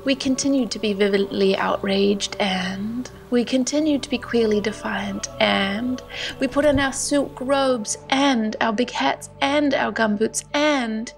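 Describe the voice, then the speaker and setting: Soft, slow-speaking woman narrator. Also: fairly high pitch, gravelly. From Canada. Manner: slow, gentle and hushed, at times whispered. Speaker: vlogger. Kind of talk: soft-spoken voice-over narration and poetry reading.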